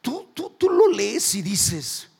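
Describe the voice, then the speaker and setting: A Mexican man preaching in church with a slightly high, gravelly voice. He keeps the sermon lively with jokes and has the congregation repeat phrases after him. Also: slow pace. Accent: Mexican Spanish. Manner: animated, joking, urges the congregation to repeat phrases. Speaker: pastor. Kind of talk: sermon with jokes and call-and-response.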